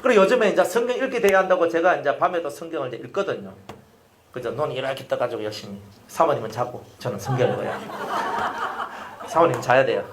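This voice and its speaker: A man's voice: medium pitch, fast, a little hiss or hum. Middle-aged korean pastor guy preaching, lots of repeats and questions to the crowd, voice swoops up and down, roomy echo. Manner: animated, repeats phrases and asks the congregation questions. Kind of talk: sermon.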